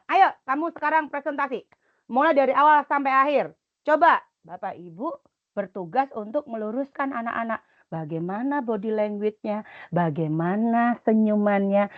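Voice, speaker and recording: A middle-aged woman with an Indonesian accent, coaching students and teachers in a webinar, instructive and lively, sometimes dropping to soft murmured chants. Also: a little high, highs cut off. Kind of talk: webinar talk.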